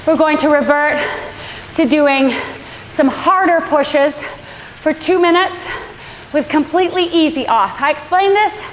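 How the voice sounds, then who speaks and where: A woman's voice: high voice, a little slow, long pauses. A middle-aged woman explaining a workout to riders as their indoor cycling coach. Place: indoor room with large windows, on a stationary bike. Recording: echoey room, clear background noise.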